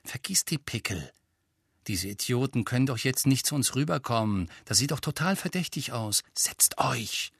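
A man's voice: medium pitch, expressive, normal speed, vocal fry, fairly bright tone, breathy edge, no room sound, clean studio sound, heavily acted. A man voicing a clever, principled teenage girl with a firm, know-it-all way of talking, in an audiobook reading. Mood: urgent.

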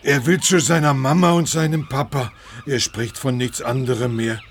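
A man's voice: mid-range voice, fairly even intonation, normal speed, a little hiss or hum, close to an everyday voice. An actor playing a kind, caring male friend of the animals in a children's audio drama, speaking earnestly. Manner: earnest, gentle.

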